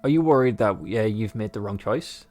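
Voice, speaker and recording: This player's voice sits on the low side, sounding animated and a little mellow at a moderate pace over soft background music. He narrates a visual novel aloud and keeps cracking rambling jokes filled with fillers.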